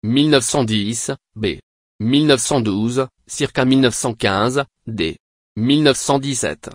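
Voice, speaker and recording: A man's voice: mid-range voice, normal speed, dry recording, clean studio sound, natural voice. A man voicing a pompous, mocking, foul-mouthed host of a cartoon parody game show. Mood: posing questions.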